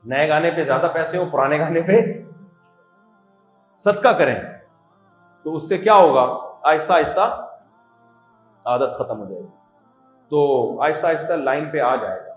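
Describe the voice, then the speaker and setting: A man's voice: on the high side, lively intonation, pauses often. A man gives a humorous religious lecture, telling stories with jokey asides to an audience of students. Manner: storytelling, jokey asides, quoting voices. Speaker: religious scholar giving a talk. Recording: echoey hall, faint music.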